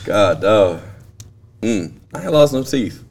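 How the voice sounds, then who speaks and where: A man's voice: on the low side, big pitch swings, takes it slowly, gravelly, a little mellow. A man with a Southern US accent in casual, joking fight-gym banter on a podcast. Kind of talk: casual locker-room banter.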